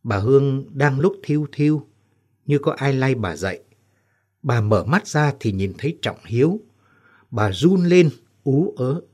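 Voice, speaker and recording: A man narrating an audio story in a steady, measured way. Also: medium pitch.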